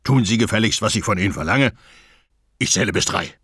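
A man voicing a gruff, bossy male robber with a bushy beard while reading a children's storybook aloud, barking orders in a loud put-on voice. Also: sits low, animated, normal speed, dry recording, clean studio sound, full character voice.

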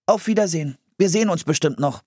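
Timid stammering boy, voiced by a man; raised pitch, slight husk. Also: expressive, quick pace, darkish tone, slightly rough, dry recording, studio quality. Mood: nervous. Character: shy, nervous young boy.

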